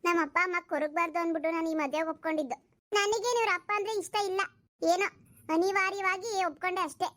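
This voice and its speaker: Woman playing a defensive, weary young stepmother for a cartoon, pitched very high. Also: quick pace, a bit bright. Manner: defensive, pleading her innocence. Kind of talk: cartoon voice acting.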